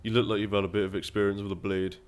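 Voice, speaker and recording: A man's voice: on the low side, level tone, very fast, lightly acted. A man reading a game's dialogue aloud, voicing a scheming middle-aged male town merchant in a persuasive, businesslike way with put-on accents.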